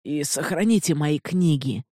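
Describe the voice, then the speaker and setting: A frantic male scholar under arrest, put on by an audiobook reader, begging and shouting for help. His voice is dark and mellow, recorded dry and close with no room sound. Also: mid-range voice, animated, a little slow, no echo. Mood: pleading. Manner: pleading, frantic. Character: desperate captive male scholar doctor. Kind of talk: audiobook character voice.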